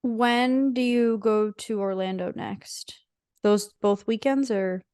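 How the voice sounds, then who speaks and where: A woman's voice: fairly high pitch, fairly even intonation, takes it slowly, darkish tone, smooth, no echo, clean studio sound. Easygoing young woman co-hosting a podcast. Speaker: podcast co-host. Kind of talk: casual chat.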